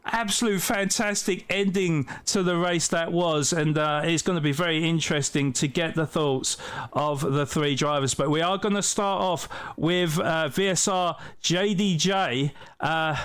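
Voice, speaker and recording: A man commentating a sim race and interviewing drivers, excitable and hesitant, with many filler pauses, sounding out of breath. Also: a little high, clean tone. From South Africa.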